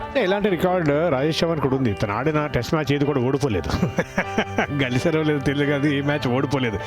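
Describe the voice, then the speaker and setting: Fast man in Telugu cricket commentary. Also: on the high side, over music.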